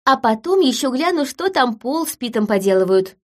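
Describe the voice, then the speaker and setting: A woman reading an audiobook, voicing an eager, talkative young housemaid in a higher voice. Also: big pitch swings, normal speed. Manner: chattering, eager and higher pitched.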